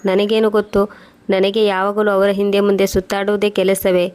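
A cruel, careless young sister-in-law talks down to the family, as a woman narrator reads her lines. The voice barely moves in pitch, and the delivery stays plain and level throughout. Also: moderate pace, close to an everyday voice. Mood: dismissive. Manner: flat, even reading.

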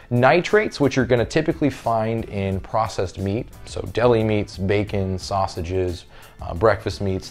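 A man in his thirties with a fairly low voice teaches as a fitness coach, standing in a small carpeted room. He talks casually and keeps checking in with "okay?" and "all right?". Soft music sits faintly underneath. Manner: conversational, frequent "all right?" check-ins. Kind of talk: casual talking-head lesson. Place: carpeted room with window blinds, indoors.

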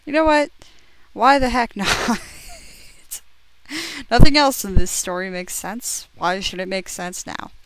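A woman's voice: medium pitch, unhurried, pauses often, a bit bright, a little hiss or hum, poor audio. A young woman reading a story aloud with sarcastic, giggly asides, on a close dry mic. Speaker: reader of a parody fanfiction. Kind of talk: mocking dramatic reading with asides.

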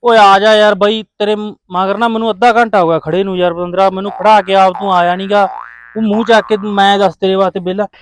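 High-voiced Punjabi man, impatient sketch talk. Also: little pitch movement, fast, smooth, no room sound. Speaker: comedy sketch actor. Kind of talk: comic village sketch acting.

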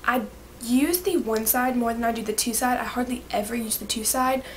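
In a casual bedroom vlog, a young beauty vlogger with a slightly high, cold-stuffed voice raves about the products she loves. Bubbly and gushing, she keeps dropping quick asides. A little hiss or hum can be heard.

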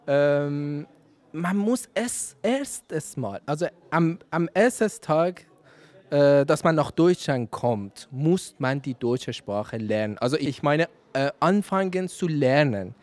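A man, answering interview questions in halting speech with many fillers, into a handheld mic at an indoor event. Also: on the high side, animated, a little mellow. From Iran. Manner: hesitant, many fillers, searching for German words. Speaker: radio volunteer interviewee. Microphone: handheld reporter mic.

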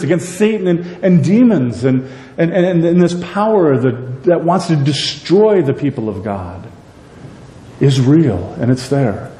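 Man, middle-aged, pastor, animated sermon, warm mellow voice, echoing church hall. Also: a little high. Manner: animated, gesturing, conversational with frequent "right?". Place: church sanctuary with a pulpit. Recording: echoey church hall, voice a bit distant.

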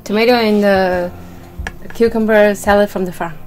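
A woman's voice: mid-range voice, fairly even intonation, moderate pace, a little mellow. A woman in her thirties hosting a mukbang, chatting casually and naming each dish as she shows it. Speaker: host of a food channel. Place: sunny room with large windows, indoors. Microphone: table mic in front of the couple. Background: music in the background.

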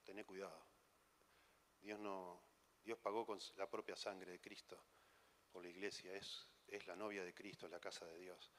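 A man's voice: deep voice, level tone, normal speed, fairly bright tone, a little hiss or hum. A man with an Argentine accent preaching a conference sermon, conversational and teasing, full of rhetorical questions. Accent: Argentine Spanish. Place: conference hall. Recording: long hall reverb.

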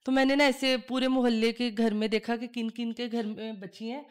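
A woman with a somewhat high voice recounts personal memories on a podcast. Her delivery is casual and animated, and she slips into the voices of the people in her stories. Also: normal speed, smooth. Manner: animated storyteller who acts out quoted dialogue. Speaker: podcast host. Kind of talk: casual chat, personal storytelling.

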